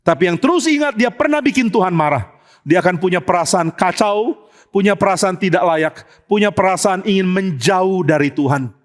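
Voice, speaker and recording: A man's voice: high-pitched, lively intonation, normal speed. A man preaching a sermon as pastor, telling stories with humor and acting out bits of dialogue. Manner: humorous storytelling, acts out dialogue. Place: church sanctuary. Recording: long church hall reverb.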